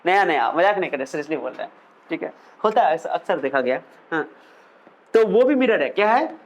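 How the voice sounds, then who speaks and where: Young male physics teacher with a high voice, chatty, asks and answers his own questions. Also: lively intonation, fairly quick, low-quality recording. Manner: asks questions and answers them himself, mixes in English terms; chatty, jokey asides. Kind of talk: classroom lecture.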